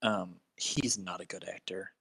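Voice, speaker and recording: A man's voice: deep voice, fairly even intonation, measured pace, vocal fry, pushed and bright, husky, no room sound. A young man co-hosting a casual podcast chat, rambling with lots of fillers and restarts. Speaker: podcast co-host.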